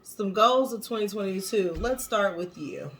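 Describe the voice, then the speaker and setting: A woman's voice: medium pitch, moderate pace, a bit bright. A woman in her late thirties co-hosting a podcast in casual chat, matter-of-fact and teasing. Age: late 30s. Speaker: podcast co-host.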